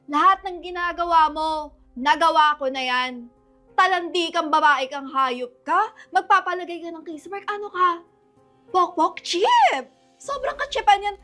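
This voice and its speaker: A woman in a staged family clip, yelling and cursing, then lecturing sternly. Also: very high voice, a little slow, faint music behind. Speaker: vlogger.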